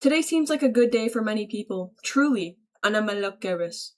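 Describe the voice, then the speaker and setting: A woman livestreamer greets her chat, casually reading and answering viewer messages aloud in a slangy, chummy, thankful way. Her voice is medium-pitched and brisk, with lively intonation.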